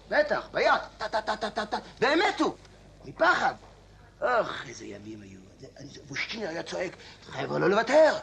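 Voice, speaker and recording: A man's voice: high voice, fairly bright tone, heavily acted. A man playing a chatty old man in a comedy sketch, grumbling and drifting off into nostalgic tangents. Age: older.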